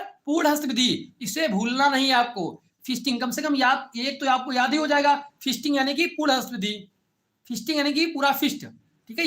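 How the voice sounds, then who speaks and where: A man's voice: very high-pitched, sharp tone. A man teaching an agriculture class online, talking informally and repeatedly asking his students short check questions. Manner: repetitive call-and-response questioning; informal, addresses students directly.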